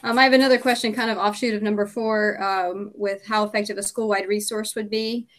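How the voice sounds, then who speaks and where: Halting woman asking questions. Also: mid-range voice, fairly even intonation. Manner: halting, many fillers. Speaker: visiting student interviewer.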